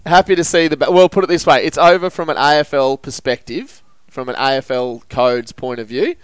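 A man's voice: medium pitch, fairly quick, clear, resonant tone, no room sound. An Australian man hosting a casual footy show, chatting in a blokey, matey way full of local slang. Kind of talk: casual sports banter.

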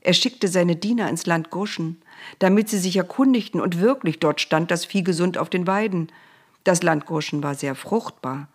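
A woman reading a Bible story aloud for children in a calm, plain storytelling manner. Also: lowish voice, slightly rough.

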